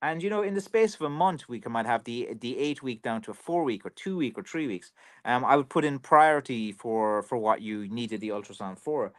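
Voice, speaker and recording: A man's voice: mid-range voice, fairly quick. An Irish man who makes walking sticks for a living, chatting casually on a livestream, rambling with lots of fillers. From Ireland. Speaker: professional stick maker. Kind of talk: casual livestream chat reading viewer comments.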